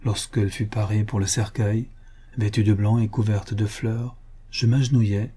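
A man narrates a novel as a scripted audiobook, solemn and measured in his reading. His voice is mellow and dark, with a husky edge. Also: fairly low pitch, little pitch movement.

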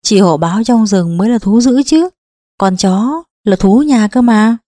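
A woman's voice: medium pitch, expressive, measured pace, dark tone, dry recording, clean studio sound, close to an everyday voice. A woman reading an audiobook, voicing a frightened young girl who pleads anxiously with her father. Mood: frightened pleading.

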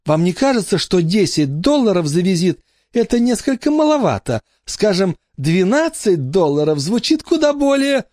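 A shrill, greedy headmistress, put on by a male audiobook reader, pitched well above a man's usual voice and swooping widely. She sounds falsely sweet and hisses with barely hidden spite. The storybook reading is dry and close. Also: sing-song, normal speed, darkish tone, no echo. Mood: fawning. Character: greedy scheming female orphanage headmistress. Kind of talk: audiobook character voice.

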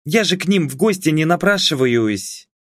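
A man's voice: on the high side, animated, normal speed, dry recording, clean studio sound, pitched above the performer's own voice. A man doing a sarcastic young woman. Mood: exasperated. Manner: sarcastic, reasoning and dismissive. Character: young adult daughter, dry and sarcastic.

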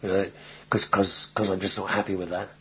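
A man's voice: deep voice, level tone, brisk, fairly bright tone, rough recording. A man hosting a casual video show, talking in a chatty, rambling way with frequent restarts. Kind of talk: casual vlog monologue.

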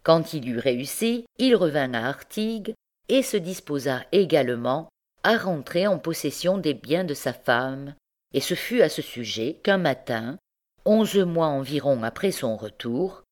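Low, slow woman reading a novel. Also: lively intonation, darkish tone. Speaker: volunteer audiobook reader. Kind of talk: scripted narration of a classic novel.

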